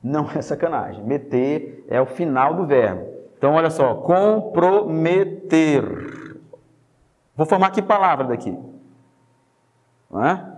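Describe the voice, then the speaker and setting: A Brazilian man with a slightly high voice and a Brazilian Portuguese accent teaches a spelling lesson in a lively, joking manner. He keeps checking in with the class using quick tag questions, and a long reverb trails every phrase.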